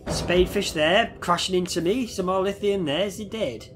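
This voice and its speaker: A man in his thirties with a head cold streams a game, his stuffy nose giving his high voice a nasal sound. Talking at normal speed through a headset with music in the background, he chats casually and swears at the creatures on screen.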